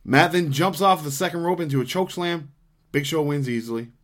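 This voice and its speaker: A man's voice: on the high side, fairly quick, fairly bright tone. A man co-hosting a podcast, recapping old wrestling shows in a casual, rambling way, swearing freely and laughing often. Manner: rambling, profane, laughs often, frequent fillers. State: hiccuping. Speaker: podcast co-host.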